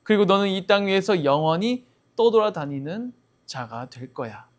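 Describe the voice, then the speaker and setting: A man's voice: high-pitched, expressive, moderate pace. A man voicing God as a stern, fatherly figure who rebukes and warns, in a Bible story told to children.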